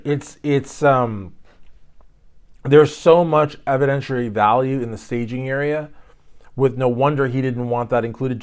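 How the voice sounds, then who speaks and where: A male YouTube host from Kentucky talks through a court case in a loose, rambling way. He drifts into joking asides and restarts, and his voice sits at an ordinary middle pitch for a man. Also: a little mellow. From Louisville, Kentucky. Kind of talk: casual commentary.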